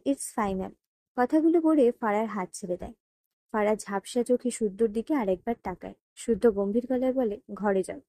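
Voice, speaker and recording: A woman narrates an audio story in a steady, even storytelling manner. Her voice is fairly high but mellow, recorded close with a dry sound. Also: dry recording. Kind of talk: scripted narration.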